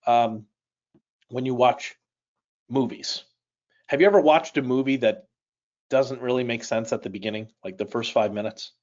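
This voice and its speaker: A middle-aged man from Chicago, United States, whose first language is Polish, leads a live online reading class in a mid-range voice. He's conversational, asks his audience questions and makes light jokes, and his personal mic on a webcam live stream sounds lo-fi.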